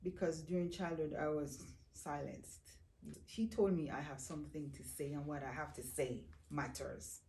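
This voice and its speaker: A woman guest slowly and reflectively telling her life story in an interview, often speaking of her faith. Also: deep voice, steady tone, mellow, far from the mic. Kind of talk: personal testimony interview. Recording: roomy echo, voice off-mic.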